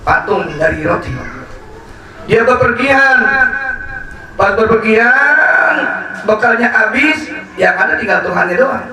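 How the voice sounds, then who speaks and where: A male preacher with a strikingly high voice tells stories to his audience, slipping in humorous asides. He is heard from a distance in a booming, echoing hall. A crowd murmurs in the background. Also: slow, pauses often. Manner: animated storytelling with humorous asides. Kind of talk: sermon. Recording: echoey hall from far off with crowd.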